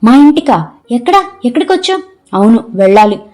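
An emotional middle-aged housewife, as a woman narrator puts her on, whose voice leaps up high in excited, breathless cries. She is a figure in a spoken audiobook. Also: moderate pace, natural voice. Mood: overjoyed.

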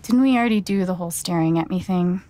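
A woman's voice: on the low side, fast, mellow, close to an everyday voice. A woman playing a wry, sarcastic young woman. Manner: dry and sarcastic. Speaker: main character.

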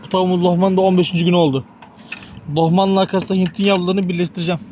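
A man's voice: high voice, level tone, very fast, background noise. A man chatting casually to his viewers while tending his hens and chicks, often talking to the birds themselves. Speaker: poultry hobby vlogger. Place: outdoor chicken coop. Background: chickens and rooster clucking.

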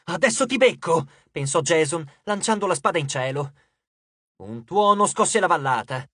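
A man reads an audiobook chapter in a measured, steady way. His voice sits high for a man. The recording is dry and close, with no room sound. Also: no room sound. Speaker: audiobook narrator. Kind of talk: scripted audiobook narration.

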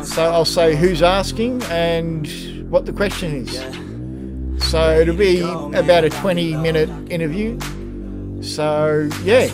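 A man's voice: fairly high pitch, takes it slowly. A man with a lisp from new teeth gives casual, self-deprecating commentary over a racing game as the video's host. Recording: loud music behind the voice.

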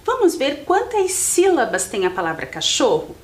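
Speaking with a Brazilian Portuguese accent, a female teacher gives young children a slow, clear reading lesson. Her high voice swoops wildly in pitch as she and the pupils spell letters and count syllables.

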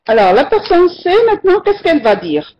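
In a muffled, lo-fi recording of an online French lesson, a woman with a high-pitched, very animated voice speaks at a moderate pace. She patiently repeats her students' answers and corrects them.

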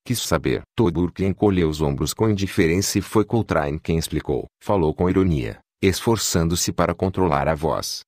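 Deep-voiced male audiobook narrator. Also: lively intonation, normal speed, few pauses, a little mellow, dry recording, studio quality. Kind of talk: scripted narration.

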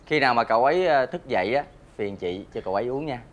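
An actor playing a polite, caring male doctor who pauses with fillers as he speaks. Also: medium pitch, expressive, muffled recording, lightly acted. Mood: reassuring. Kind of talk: web drama acting.

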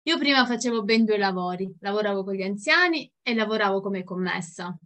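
A woman's voice: mid-range voice, animated, fairly quick, fairly bright tone. Sicilian accent woman chatting on a video call, giggly and upbeat, telling her own story. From Sicily, Italy. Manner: enthusiastic, giggly. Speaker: network marketing team member. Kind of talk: informal testimonial on a group call. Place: indoors at home, video call.

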